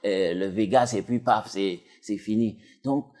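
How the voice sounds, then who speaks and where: A man's voice: unhurried, darkish tone. A man, a dubbing actor talking casually as an interview guest, rambling with many fillers and restarts. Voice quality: deep voice.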